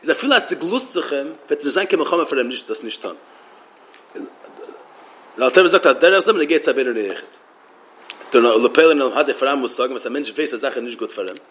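A man giving a Torah lecture as a religious teacher, halting and often repeating words as he restarts his sentences. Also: mid-range voice, animated, a bit bright.

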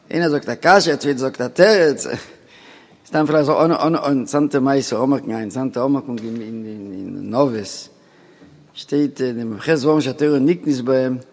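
In a medium-pitched voice with vocal fry, a man tells a meandering personal story full of restarts and pauses, at times dropping into a quiet mutter. The recording carries a long echoing reverb.

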